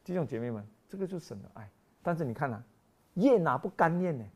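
Animated woman preaching a sermon. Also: deep voice. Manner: animated, swings between loud exclaiming and quiet asides; reads scripture slowly and deliberately.

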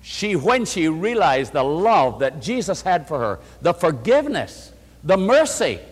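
A man's voice: a little high, big pitch swings, measured pace, husky. Emphatic male preacher in a reverberant hall. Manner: emphatic, addresses listeners as friends, leads them in reciting verses. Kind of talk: sermon.

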